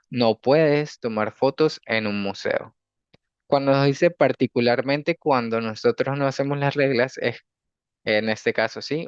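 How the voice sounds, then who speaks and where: Male language teacher, patient lecturing, slow careful example readings; dull, dry lo-fi sound. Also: medium pitch, clean tone, no room sound. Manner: patient, explanatory, often checks understanding with "¿sí?"; reads English examples slowly and carefully. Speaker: English teacher. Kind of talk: recorded class lecture.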